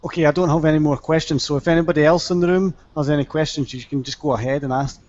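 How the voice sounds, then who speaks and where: A man's voice: a little high, fairly even intonation, fast, a little mellow. A man hosting a session, asking questions casually in a hesitant way, repeating his words. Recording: dull, dry lo-fi audio.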